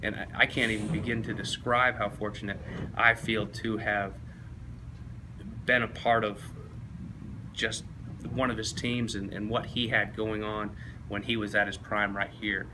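A man's voice: lowish voice, flat delivery, measured pace, pauses often, noisy background. A man, a former football player telling laughing anecdotes in a casual interview and often mimicking his old coach. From East Tennessee.

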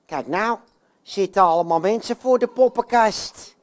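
A puppeteer voicing a boastful, cheerful male puppet hero who exclaims loudly and talks straight to the children. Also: medium pitch, measured pace, natural voice. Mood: boisterous. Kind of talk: puppet show. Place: bookshop, indoors.

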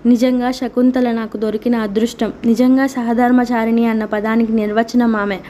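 A woman's voice: fairly high pitch, flat delivery, normal speed, dark tone, slight background noise, close to an everyday voice. A woman reading the lines of a wry, bitter middle-aged husband in a storybook, with sardonic, self-deprecating remarks.

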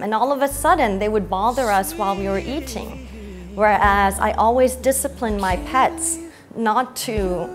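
Woman speaking fondly over soft music. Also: fairly high pitch. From Thai, French and American, raised abroad. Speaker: bride-to-be interviewee. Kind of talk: sit-down interview. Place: bright glass sunroom with garden outside.

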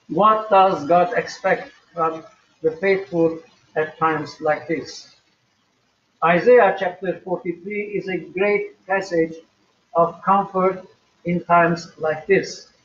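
An older man preaching a recorded sermon at home in a slow, measured way with emphatic rises. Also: high-pitched, fairly bright tone. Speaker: pastor. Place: small home room, indoors. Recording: echoey, distant, dull webcam audio.

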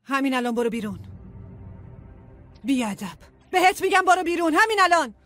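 A woman's voice: high-pitched, big pitch swings, no echo, faint music behind. A dubbing actress voicing a loyal, indignant woman servant who scolds and defies her employers, in a dubbed TV drama. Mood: scolding. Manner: sharp, scolding, defiant. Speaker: servant of the villa.

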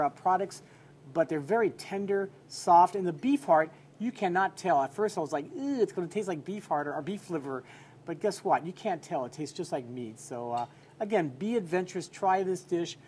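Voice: mid-range voice, expressive, moderate pace, a little mellow, slightly rough. A food show host narrating a restaurant review as a voice-over in an enthusiastic, folksy way, who keeps calling dishes delicious.

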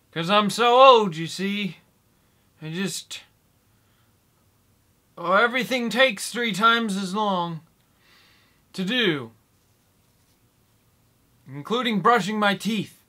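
Slow, halting young man in a vlog. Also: high voice, pushed and bright. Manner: slow, halting, mock-doddering talk with long pauses. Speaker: YouTuber. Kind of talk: comic vlog rambling. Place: small indoor room. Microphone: desk microphone in front.

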